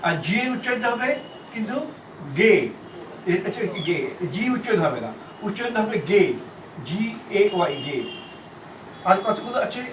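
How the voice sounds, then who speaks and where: A man from India teaching a shorthand class, explaining slowly and repeating himself, letter by letter. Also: high-pitched, lively intonation, noisy background. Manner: repetitive, halting, spells out letters. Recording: echoey room from far off.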